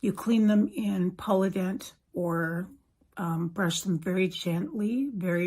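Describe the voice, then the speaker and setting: A woman talks informally to the camera in a review. Her voice sits at a middle pitch with a husky, slightly rough texture. A slight lisp colours her speech, and her manner is pleased and reassuring. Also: a little mellow. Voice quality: slight lisp from new veneers. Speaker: product reviewer. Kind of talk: casual chat to camera.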